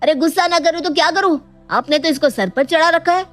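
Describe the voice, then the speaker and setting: A woman's voice: very high voice, a little fast, fairly bright tone, soft background music. A woman voicing a short-tempered young married man in a cartoon story, irritable and complaining. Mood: angry.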